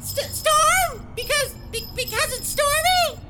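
Over loud music, a gleeful little sock-puppet henchman squeals in a cartoon. The voice is extremely high and shrill, bratty and mocking, stretching words out slowly. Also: expressive, exaggerated voice. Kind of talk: animated cartoon character acting.

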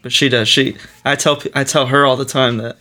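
A man's voice: mid-range voice, fairly even intonation, fairly quick, pushed and bright. A man appearing as a guest on a podcast, easygoing and self-deprecating in casual chat.

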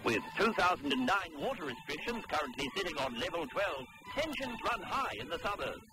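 A man voicing a mock old-time newsreel announcer in a pre-produced comedy sketch, with booming, dramatic delivery over music. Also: poor audio. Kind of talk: parody newsreel narration.

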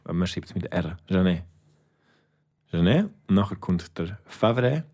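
A man teaching words in a casual lesson, patient and repeating each word slowly. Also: sits low, lively intonation, a little mellow. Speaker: Romansh teacher.

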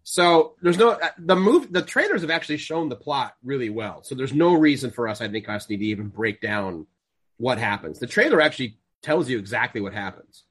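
A man's voice: mid-range voice, animated, fairly quick, fairly bright tone, husky. A man hosting a podcast from home, reading sponsor spots in a rambling, self-correcting way with nerdy asides. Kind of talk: casual chat with sponsor reads. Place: home setup, recording remotely.

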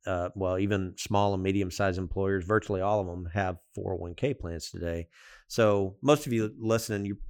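A man explaining things off the cuff as a podcast panelist, pausing and repeating words as he goes. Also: deep voice, clean tone, dry recording, clean studio sound. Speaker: financial firm executive, podcast panelist. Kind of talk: unscripted explanatory talk.

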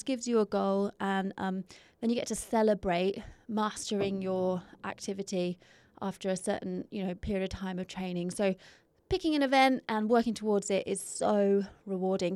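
Woman host, clear resonant voice, dry close mic, friendly chat. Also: medium pitch, darkish tone, no room sound. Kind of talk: conversational podcast talk.

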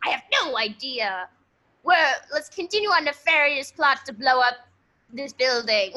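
A gleeful, scornful arch-villain played by a woman in an improvised comedy sketch. The voice is very high and sharp, drawn out slowly with theatrical mockery. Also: expressive, heavily acted. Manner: theatrical, mocking.

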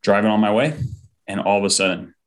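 A man's voice: lowish voice, quick pace. A man telling an earnest personal faith story as an interview guest, often acting out what people said. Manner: heartfelt, often acts out quoted speech.

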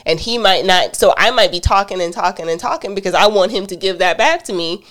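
With a mid-range voice and a brisk delivery, this middle-aged podcast co-host talks directly on a relationship show. The conversation is a casual one between a couple, and she tells lively stories full of laughs.

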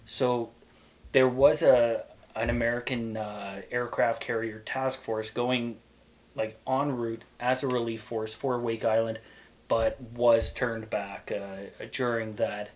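A man's voice: medium pitch, level tone, slow pace. Rambling man chatting history. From Quebec, Canada. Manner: rambling, with many fillers and restarts. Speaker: podcast guest. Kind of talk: casual history chat.

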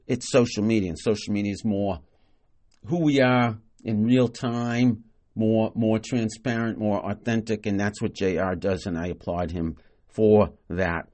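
This solo podcast host talks about marketing in a lowish, slightly mellow voice with fairly even intonation and a measured pace. Still, he's casual and enthusiastic, praising things and stumbling through many fillers and restarts.

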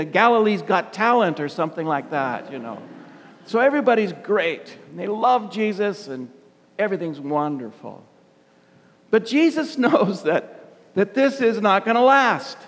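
A man preaching a conversational sermon in an informal storytelling way, repeating words for emphasis. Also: high-pitched. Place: large reverberant church. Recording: long reverberant church echo.

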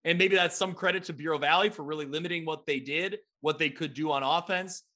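A bright, high-pitched man hosts a casual sports talk show. He talks in an upbeat way, recaps scores and stats, and pokes fun at himself. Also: brisk. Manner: upbeat, self-deprecating, recaps game stats.

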